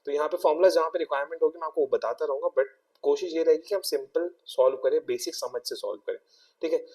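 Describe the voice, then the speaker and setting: Indian guy doing a maths class, kinda high voice, mellow tone, a bit off-mic. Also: fast, recorded from a distance. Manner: explains step by step, often checks in with "ठीक है". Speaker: maths teacher. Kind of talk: exam-prep lecture.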